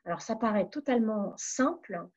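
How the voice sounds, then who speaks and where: A woman from France giving calm advice as a webinar coach, pausing on fillers and restarting her phrases. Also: mid-range voice, dull audio. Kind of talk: online webinar talk.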